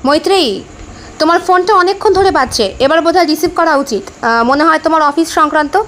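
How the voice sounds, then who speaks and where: A woman's voice: high voice, fairly quick, a bit bright, slight background noise. A woman voicing an adult husband in an audio story, teasing and wary, hesitant at times.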